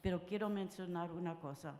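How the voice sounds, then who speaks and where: An older woman from France speaking at a round-table panel, halting and full of filler sounds. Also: lowish voice, darkish tone, slight background noise. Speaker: conference panelist. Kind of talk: personal talk at a round table. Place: conference hall. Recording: roomy conference hall sound.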